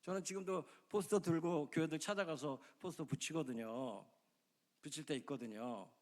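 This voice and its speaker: A man preaching a sermon as pastor, speaking conversationally to his congregation and acting out people's inner voices with sudden loud outbursts. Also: fairly high pitch, normal speed. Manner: acts out inner voices with dramatic shifts in loudness; conversational, direct address to congregation.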